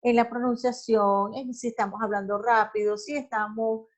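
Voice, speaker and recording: A woman teaching a recorded class lecture, explaining slowly and checking in with the listeners often. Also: on the high side, flat delivery, dull audio.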